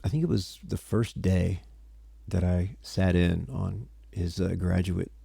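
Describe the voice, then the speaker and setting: A tired man gives a casual music theory lesson to livestream viewers. His voice is very low, dark and heavily gravelly, a little husky, and the sound is dry. He rambles and stops himself mid-sentence. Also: fairly even intonation, a little slow, dry recording. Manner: rambling, self-interrupting, chatty with viewers.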